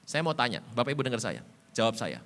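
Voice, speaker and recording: A middle-aged male pastor telling stories in a sermon, animated, swinging between loud emphatic bursts and quiet low asides. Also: fast talker. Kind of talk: storytelling sermon. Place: church sanctuary. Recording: church hall reverb.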